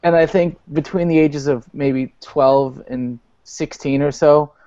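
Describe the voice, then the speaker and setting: Middle-aged male guest, higher pitch, casual storytelling, muffled online-call audio. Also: fairly even intonation, measured pace, mellow. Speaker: guest on a live video chat. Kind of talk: casual anecdotal chat. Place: online group video call.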